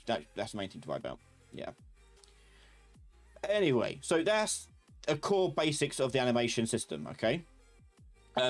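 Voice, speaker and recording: A man with a medium-pitched voice teaches a live software class, explaining each step casually and informally as he thinks aloud.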